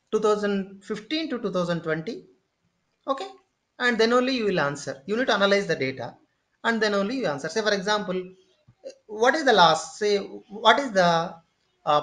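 A mid-pitched instructor talks through a screen-share tutorial lecture, explaining one step at a time. The delivery is loose and unscripted, with phrases repeated and restarted mid-thought and frequent "okay" checkpoints. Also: fairly bright tone.

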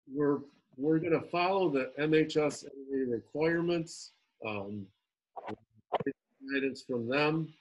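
A man speaking as a school administrator at a town hall over a video call, halting with frequent ums and restarts. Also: medium pitch.

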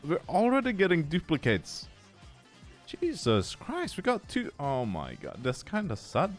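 A young Swedish-accented gaming YouTuber opens loot boxes with goofy, casual commentary, swearing freely and tired from no sleep. His voice is a little high with wildly swooping pitch, and he takes his time. Soft music plays in the background.

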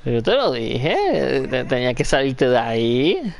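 A man's voice: mid-range voice, wildly swooping pitch, unhurried, gravelly, slight background noise. A gaming streamer, a man, chatting casually and cooing playful baby talk to an infant while he plays. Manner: playful, teasing.

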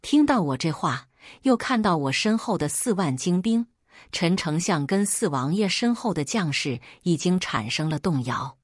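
A woman reads a first-person story aloud with steady, dramatic pacing. Her voice sits low and has a husky edge, and the recording is dry and close to the mic. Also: moderate pace, dry recording. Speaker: narrator.

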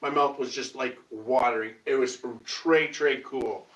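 A man's voice: mid-range voice, steady tone, unhurried, a bit bright. A middle-aged man co-hosting a live snack review, talking enthusiastically about candy he tried. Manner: enthusiastic, hyping up the food. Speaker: co-host. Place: green-screen studio room. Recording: roomy, distant mic with faint noise.

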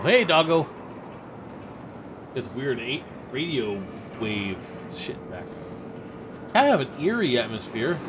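A man's voice: medium pitch, background noise. A man streaming a game, joking around and talking to his in-game dog and his viewers. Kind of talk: casual gameplay commentary.

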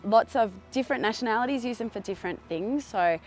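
A woman at a roadside stall explaining briskly and enthusiastically. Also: fairly high pitch, lively intonation, soft background music. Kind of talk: interview.

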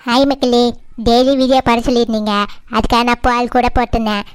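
A woman's voice: a little high, level tone, fast, clean tone, no echo. A woman who makes the channel, chatting to viewers and appealing to them in a casual way. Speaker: channel creator.

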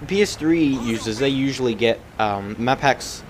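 A young man chats loosely over his match footage, his mid-pitched voice wandering from point to point between lots of ums and uhs. Faint gunfire from the game sits under his voice. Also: expressive, normal speed, slight background noise. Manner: rambling, filler-heavy, chatty. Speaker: gameplay commentator. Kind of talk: casual gameplay commentary.

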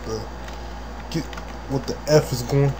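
A man hosting a let's play, talking crudely and profanely as he plays, breaking into sudden loud outbursts. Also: mid-range voice, unhurried, noisy background. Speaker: gaming channel host.

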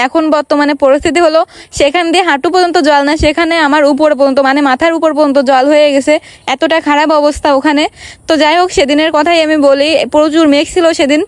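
A young woman from Bangladesh talks through her day in a casual voice-over, chatty and speaking straight to her viewers. Her voice sits high and moves along quickly. The sound is close and dry, with no room around it. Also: no room sound. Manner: chatty, addresses viewers directly. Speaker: vlogger.

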